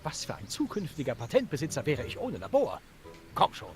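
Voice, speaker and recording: A man's voice: on the high side, wildly swooping pitch, a little mellow, faint music behind. An actor playing an earnest young male inventor in a dubbed video game, rattling off technical jargon. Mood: explaining. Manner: explains science in rapid technical jargon.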